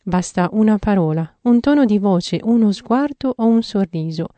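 A woman giving a measured, earnest reading of a devotional theological text. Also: mid-range voice, expressive, mellow, no room sound.

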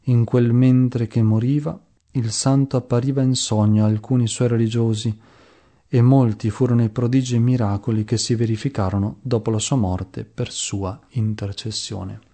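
A man reading the life of a saint aloud in a slow, measured and reverent way. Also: mid-range voice, fairly even intonation, dark tone. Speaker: devotional reader.

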